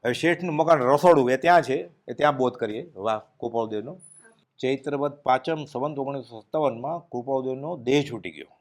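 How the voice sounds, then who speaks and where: A man giving a devotional discourse, telling stories and dropping his voice low and quiet at solemn moments. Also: a little fast. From Gujarat, India. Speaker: spiritual speaker giving a discourse.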